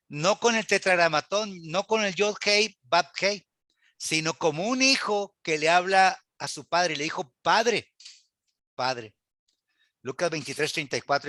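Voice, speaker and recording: High-voiced, bright man teaching. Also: no echo. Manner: earnest, rhetorical questions, quotes scripture aloud. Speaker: Bible Hebrew teacher. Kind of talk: church class lecture.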